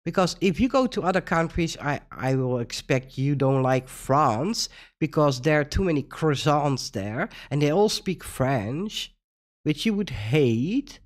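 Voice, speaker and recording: A Dutch woman talks through a reaction video in a relaxed, unhurried way. Her pitch swings widely as she laughs and fires off disbelieving questions. The delivery stays casual and conversational. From Netherlands. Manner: animated, laughs often, incredulous rhetorical questions. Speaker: reaction channel host.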